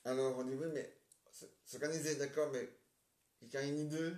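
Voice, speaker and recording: A man's voice: mid-range voice, fairly even intonation, fairly quick, a little mellow. A man performing every part of his own homemade play himself, rambling and hesitant, with frequent filler tags. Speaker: amateur playwright performing all parts. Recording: roomy echoey home recording.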